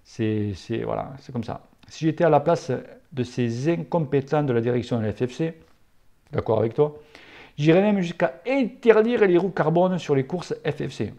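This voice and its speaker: A man's voice: on the high side, lively intonation, normal speed, creaky, dark tone. A man hosting a casual cycling Q&A, talking in a blunt, familiar and outspoken way with crude slang. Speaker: cycling channel host answering viewer questions. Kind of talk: casual spoken Q&A.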